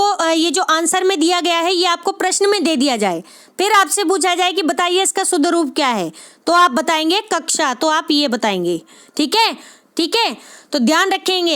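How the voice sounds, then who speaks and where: Woman tutor, very high voice, repeats answers, patient exam-prep teaching. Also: a bit bright. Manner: repeats answers, frequent "ठीक है" check-ins. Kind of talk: exam-prep lesson, repetitive explanation.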